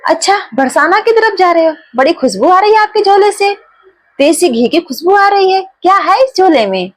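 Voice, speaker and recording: A woman's voice: extremely high pitch, expressive, moderate pace, voice pushed up. A woman voicing a small cowherd boy who coaxingly urges an old man to stop in a devotional story. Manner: coaxing, repeatedly urging someone to stop.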